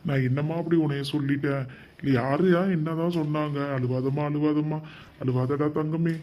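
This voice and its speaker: A man's voice: a little high, steady tone, normal speed, warm tone, natural voice. A man voicing a harried, placating husband. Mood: soothing. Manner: pleading, placating, soothing. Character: harried young husband caught between mother and wife. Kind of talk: cartoon comedy voice acting.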